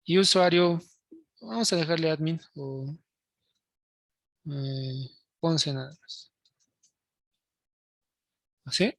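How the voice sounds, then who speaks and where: A man's voice: a little high, fairly even intonation, slow pace, vocal fry, pauses often, no room sound, clean studio sound. A man teaching a programming class, explaining code step by step and often checking in with his students. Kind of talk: live coding lesson to students.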